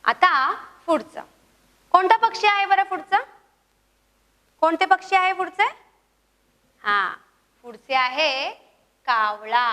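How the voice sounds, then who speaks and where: High slow woman teacher, reverberant. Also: pushed and bright. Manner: slow, coaxing, imitates bird calls for children. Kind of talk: grade one lesson, call and repeat.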